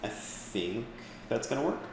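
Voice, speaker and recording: A man's voice: mid-range voice, measured pace, heavy reverb, a little hiss or hum, low-quality recording. A man teaching a live class on a video call, explaining steps loosely with fillers and restarts. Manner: relaxed, rambling, with fillers and restarts. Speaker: instructor. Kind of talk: live class software tutorial.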